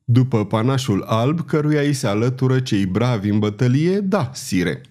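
A man reading the part of a calm, proud male knight who speaks with haughty courtesy. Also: medium pitch, lightly acted. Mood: courtly. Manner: polite but haughty, smiling.

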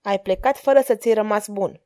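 Earnest young king, stubborn, firm, mellow low tone, storybook reading, read by a woman. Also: natural voice.

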